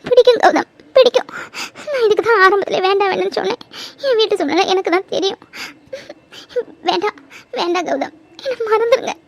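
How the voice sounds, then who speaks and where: A woman's voice: very high voice, fast, creaky, long pauses, dry recording. A woman voicing an anxious young woman in a cartoon, pleading and tearful. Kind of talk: cartoon voice acting.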